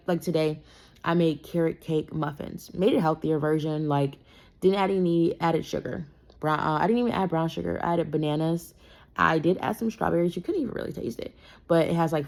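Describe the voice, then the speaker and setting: A young woman talks through a parenting story in a loose, rambling way, full of "you know" and "like." Her voice sits a little low and carries a lot of vocal fry. She sounds like she is just chatting to her audience. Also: a little mellow. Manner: rambling, conversational, frequent fillers. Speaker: parenting vlogger. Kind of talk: casual storytime monologue.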